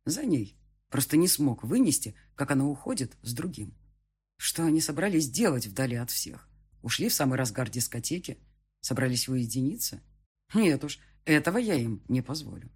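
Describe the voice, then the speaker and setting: A man's voice: on the high side, breathy edge. A man reading a first-person audiobook with a tense, emotional delivery. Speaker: audiobook narrator.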